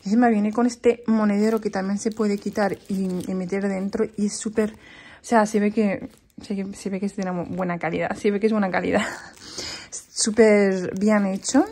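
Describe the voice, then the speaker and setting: A woman's voice: mid-range voice, fairly even intonation, moderate pace, darkish tone, slightly rough. A young woman vlogging at home, chatting casually to camera in a rambling way with many restarts.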